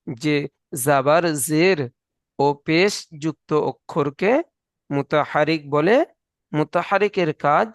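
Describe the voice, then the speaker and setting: A man with a fairly high voice tutors a student over a video call, patiently drilling Arabic letters and asking questions back. His speech sounds close and dry, with no room echo. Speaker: Quran recitation teacher. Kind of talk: online one-on-one tutoring.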